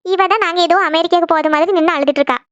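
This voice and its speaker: A woman's voice: very high-pitched, racing, a bit bright, no echo, muffled recording. A woman voicing a cheerful, bustling village mother in a cartoon, chatting in a homely way. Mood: reassuring. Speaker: cartoon voice actor. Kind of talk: Tamil cartoon dubbing.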